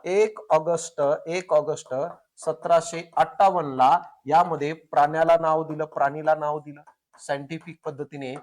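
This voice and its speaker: A male science teacher giving a casual classroom lecture. He keeps quizzing the class with questions, slowly repeats technical terms, and drops in joking everyday examples. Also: a little high, steady tone, darkish tone. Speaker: science teacher for competitive exams.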